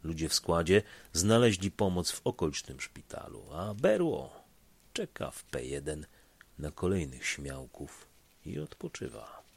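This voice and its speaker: A man reading a dramatic story aloud, swinging between loud passages and hushed ones. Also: low voice, unhurried, gravelly, breathy edge. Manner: expressive, shifts between loud and hushed delivery. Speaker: narrator.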